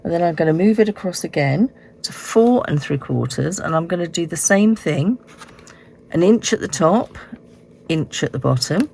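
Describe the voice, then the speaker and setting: A middle-aged woman with a hoarse, croaky frog voice, recovering from illness, explaining a craft step by step in a casual, unhurried way. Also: lowish voice, expressive, a little mellow, slight background noise. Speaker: host of a card-making tutorial. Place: indoors at a craft desk.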